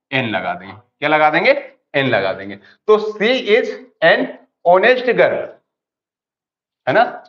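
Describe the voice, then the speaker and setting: A man teaching English grammar in an online class, asking questions and answering them himself over and over. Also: a little high. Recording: dull lo-fi audio.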